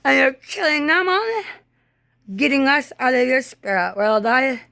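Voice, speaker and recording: A woman giving a rambling spoken monologue in disjointed, halting, drifting phrases. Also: high-pitched, vocal fry, sharp tone, no echo, studio quality.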